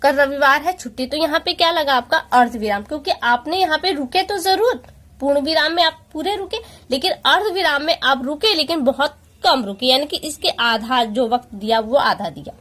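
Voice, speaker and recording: High-voiced woman teaching a lesson. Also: fairly bright tone. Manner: patient, explaining step by step with rhetorical questions; slows down to read out example sentences. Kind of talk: exam-prep lesson.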